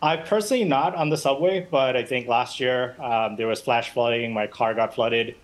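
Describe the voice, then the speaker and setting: Speaking over a remote link as an eyewitness on live news, a Bangladeshi man chats in a relaxed way, often restarting and filling pauses. His voice is medium in pitch and his speed normal.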